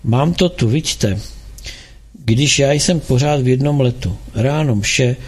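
A man reading aloud, voicing a kind, gentle male music teacher who talks softly and reassuringly. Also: mid-range voice, slightly rough, close to an everyday voice. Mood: calm, explaining. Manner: soft, reassuring.

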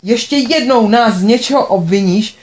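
Woman doing a fed-up, gruff father. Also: on the high side, darkish tone, close to an everyday voice. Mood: angry. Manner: angry, blunt.

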